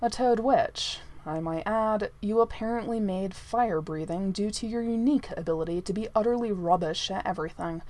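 Woman doing a young prince, lowered pitch, imperious, exasperated, dry, curt, storybook character. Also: moderate pace, close to an everyday voice. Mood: withering. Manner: even, curt, withering.

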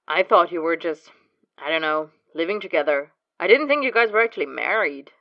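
A woman voicing a blunt young man, loud and incredulous, in a fan story read aloud. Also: low voice, fairly even intonation, moderate pace, dry recording, dull audio, lightly acted.

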